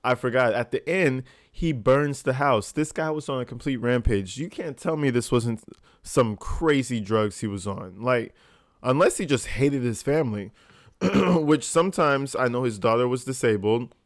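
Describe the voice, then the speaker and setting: A man's voice: medium pitch, animated, normal speed, no echo. Casual male commentator, dry close sound. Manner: informal, swearing, incredulous. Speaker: reaction video host.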